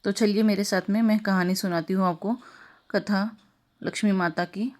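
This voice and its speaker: A woman reading a devotional tale aloud in a measured, recited way, as a vlog host. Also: mid-range voice, steady tone, darkish tone.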